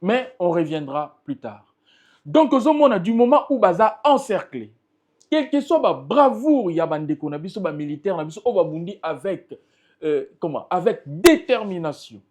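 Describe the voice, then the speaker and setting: A political party spokesperson with a Congolese French accent speaks as an interview guest, emphatic and impassioned. His voice is high-pitched and a little mellow, swinging widely in pitch at a moderate pace.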